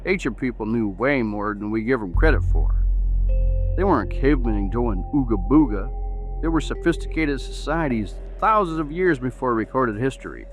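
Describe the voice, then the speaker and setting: A man voicing Donny, an excitable Texan farmer obsessed with UFO conspiracies, who talks in an eager, rambling, earnest way over light music. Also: medium pitch, moderate pace, natural voice.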